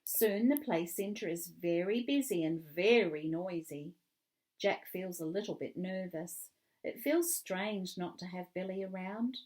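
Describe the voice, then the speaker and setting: A woman reading a children's book aloud with clear, expressive storytelling. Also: fairly low pitch, unhurried. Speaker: reader.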